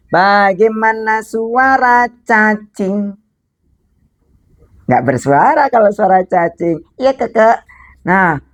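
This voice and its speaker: A woman's voice: fairly high pitch, dull audio. A young woman telling a story to a group of children, asking them questions and making animal sounds.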